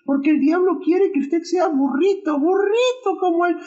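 A woman's voice: extremely high pitch, normal speed, mellow. A woman voicing a cheerful boy puppet who teaches children at church, playful and leading call-and-response. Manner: playful, laughs at own jokes, call-and-response. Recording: dull lo-fi recording.

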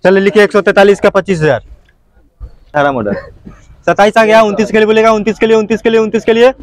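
A man's voice: high voice, fast talker, no echo. A man running an outdoor motorbike auction, calling bids over and over. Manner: repetitive bid calling, chanting prices. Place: outdoor lot full of parked motorbikes.

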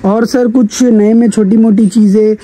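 A man vlogging off camera, eagerly prompting a seller with questions and quick agreements. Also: sits high, steady tone, dark tone, low-quality recording. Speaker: vlogger interviewer. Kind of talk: casual interview questions.

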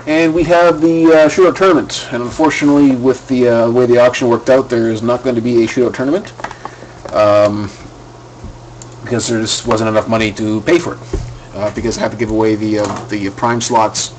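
A man at a home desk runs a live card break, chatting loosely with plenty of filler words and restarts. His voice sits at a middling pitch. A faint hiss of room noise stays under the camera mic. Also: fairly even intonation, fairly quick, darkish tone, rough recording.

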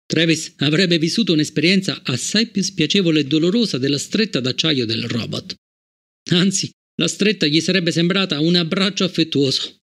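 A man narrating an audiobook in a measured, even storytelling manner. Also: a little high. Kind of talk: scripted narration.

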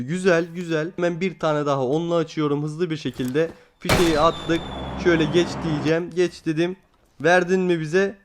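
A young man with a fairly high voice gives casual commentary over his own gameplay. He is excitable, scolds the game out loud and curses at it when it gives him nothing. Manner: excitable, swears at the game, talks to it directly. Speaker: gaming YouTuber.

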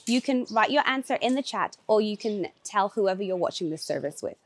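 Female announcer, plain scripted voice-over, mid pitch. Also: expressive, fairly quick. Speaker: service announcer.

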